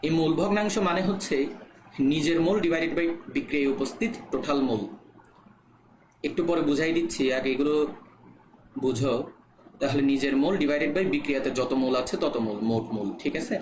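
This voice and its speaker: A young man teaching a live online chemistry class in a slightly high voice. He walks through each point step by step and keeps asking students to confirm they follow. The sound is roomy and echoey, with a faint hiss underneath. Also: fairly quick, pauses often. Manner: explains step by step, checks students' comments, frequent "ঠিক আছে?". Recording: echoey room with faint background noise.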